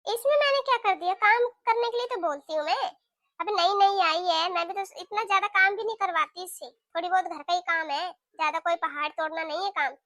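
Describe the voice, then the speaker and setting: A woman voicing a sharp-tongued, nagging middle-aged mother-in-law in a cartoon, talking in a scolding, taunting way. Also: extremely high pitch, brisk, no echo, studio quality. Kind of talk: cartoon voice acting.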